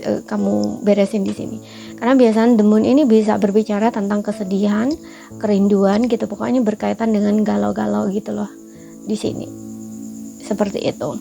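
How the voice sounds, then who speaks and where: A woman's voice: mid-range voice, gravelly, warm tone. A woman giving a casual, reassuring tarot reading, speaking in a chatty way with many fillers. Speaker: tarot reader.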